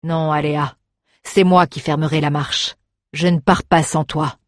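A woman's voice: deep voice, steady tone, unhurried, no room sound, clean studio sound. A woman reader voicing a protective grown man who speaks firmly and resolutely. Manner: firm, resolute.

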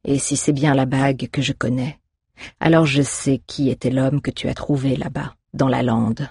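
A storybook reader voicing an old male druid who speaks calmly and slowly, pressing gently. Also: medium pitch, creaky, slightly rough, no room sound, studio quality. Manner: calm, slow, measured.

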